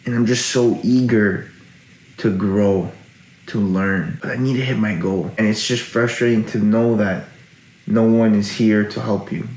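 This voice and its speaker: A man's voice: fairly low pitch, fairly even intonation, unhurried, darkish tone. A pensive man musing aloud in a casual, reflective late-night monologue to viewers. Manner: casual, frequent swearing. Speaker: online video creator. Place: indoor room at night. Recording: roomy indoor echo.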